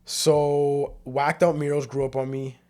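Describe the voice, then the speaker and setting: A man's voice: a little high, level tone, measured pace, a little mellow. A young man hosting a podcast, chatting casually with lots of fillers and slang. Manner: laid-back, filler-heavy, loose slang. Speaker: podcast host. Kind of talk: casual chat.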